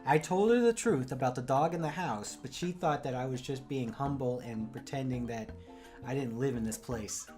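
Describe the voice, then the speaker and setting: Rambling deadpan man on a podcast. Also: medium pitch, normal speed, faint music behind. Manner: rambling deadpan tall tales with fillers. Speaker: podcast co-host. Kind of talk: casual comedic banter.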